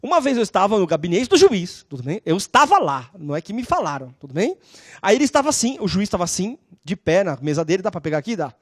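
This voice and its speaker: A woman lecturing on law, telling lively stories and constantly checking in with her class. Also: medium pitch, quick pace, no echo, clean studio sound. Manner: animated, acts out scenes.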